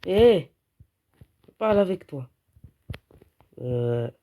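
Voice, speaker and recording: Jumpy gamer guy, slow and dark-toned. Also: on the high side, breathy edge. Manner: jumpy, yelps and repeats words in panic. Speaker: gamer playing online. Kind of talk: live gameplay commentary.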